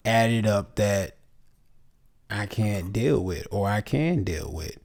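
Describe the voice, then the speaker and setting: A man co-hosting a relationship podcast in casual, joking chat. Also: on the low side. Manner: slow, relaxed, joking. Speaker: podcast co-host.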